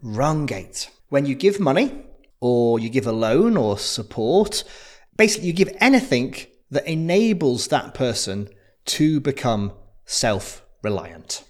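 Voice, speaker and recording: A man co-hosting a casual podcast, talking in a lively, self-deprecating way and laughing easily. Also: mid-range voice, unhurried. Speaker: podcast co-host.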